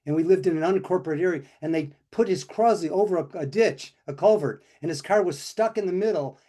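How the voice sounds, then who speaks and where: A man's voice: fairly high pitch, dark tone. An older man co-hosting a casual chat, telling stories in a rambling way with many restarts and fillers. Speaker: co-host.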